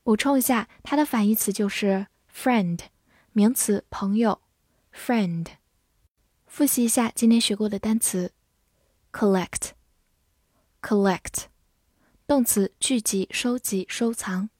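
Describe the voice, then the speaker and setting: A woman teaching English vocabulary in Chinese, spelling each word letter by letter and reading example sentences slowly and carefully. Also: mid-range voice, darkish tone, husky, no echo, clean studio sound. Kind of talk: scripted vocabulary lesson.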